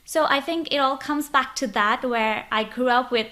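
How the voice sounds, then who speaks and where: A woman's voice: high voice, normal speed, pushed and bright. A woman in her twenties from Bangladesh, a podcast guest telling her story in a bubbly, open way. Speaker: guest, social media influencer. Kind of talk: casual interview chat.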